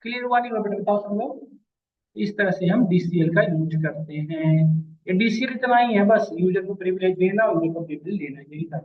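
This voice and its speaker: A man's voice: sits high, expressive, a little fast. A man teaching a database class, calling students "beta" and checking that they follow. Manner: addresses students as beta, asks checking questions. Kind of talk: classroom lecture. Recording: distant mic, phone-like lo-fi sound.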